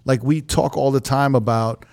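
A young man hosts a casual podcast, his mid-range voice slightly mellow, fairly even in intonation, and at a normal speed. His chatter is loose and profane, full of fillers like "like" and "you know."

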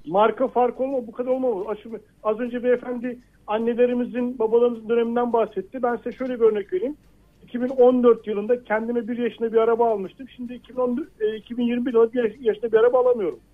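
A middle-aged man speaks over a landline phone as a caller to a radio show. The line is thin and tinny, and his voice sits high for a man. He talks earnestly and hesitantly, with frequent filler sounds, and circles back to repeat his point. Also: level tone, quick pace. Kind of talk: call-in on a radio talk show.

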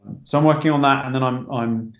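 A man's voice: medium pitch, steady tone, fast talker. A man who directs films, talking earnestly as a podcast guest, with many restarts. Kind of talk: casual interview talk. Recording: echoey, dull remote line.

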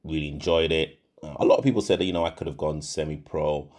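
A man's voice: very deep voice, fairly even intonation, fast talker, a little mellow. A middle-aged man with a Yorkshire accent hosting a casual solo podcast, rambling with frequent fillers and self-corrections. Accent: Yorkshire English. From England. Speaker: podcast host.

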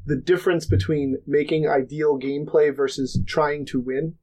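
A man's voice: a little high, steady tone, normal speed, darkish tone. A Puerto Rican man in his forties hosting a casual chat, encouraging his guest with many short replies. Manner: encouraging, frequent backchannels. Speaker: podcast host. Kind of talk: casual conversation.

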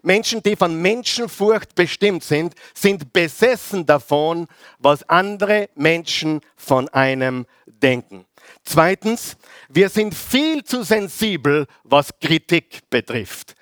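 A man's voice: a little high, animated, slow, a bit bright, dry recording, studio quality. A middle-aged man with an Austrian accent preaching a sermon as pastor, leading the congregation through call-and-response readings.

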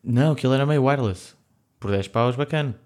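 Jovem português a contar histórias animado. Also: male voice, medium pitch, brisk. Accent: European Portuguese. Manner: lively storyteller, laughs often. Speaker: podcast co-host. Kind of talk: casual chat.

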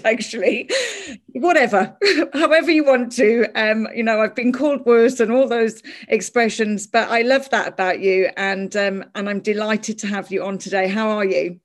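An Irish woman hosting a podcast, talking casually with many fillers and easy laughs. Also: mid-range voice. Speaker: podcast host. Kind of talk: casual interview chat.

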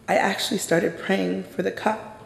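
A woman telling a personal story live on stage in a measured, solemn way. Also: medium pitch, fairly even intonation, creaky. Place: stage in a theater. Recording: echoey hall from a stage.

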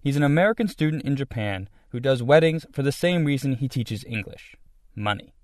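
A man's voice: medium pitch, expressive, a little mellow, no room sound, studio quality. Man narrating a radio news story. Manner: measured storytelling delivery. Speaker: radio reporter.

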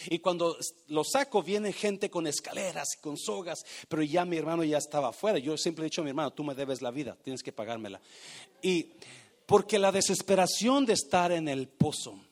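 High-voiced pastor telling a story. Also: male voice. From Mexico. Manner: dramatic storytelling, swells loud for emphasis. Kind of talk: sermon with personal story.

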